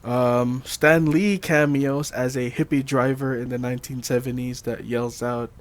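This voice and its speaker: A man's voice: medium pitch, steady tone, measured pace. Laid-back man chatting about movies. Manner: loose, laughing, uses fillers and swears. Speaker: podcast host. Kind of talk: casual movie-trivia chat.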